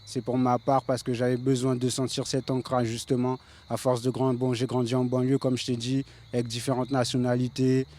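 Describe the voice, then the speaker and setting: In a casual interview, a Paris-suburbs reggae singer in his late thirties talks in a laid-back way, leaning on lots of fillers. His medium-pitched voice is monotone and darkish, coming fairly quickly with hardly any pauses.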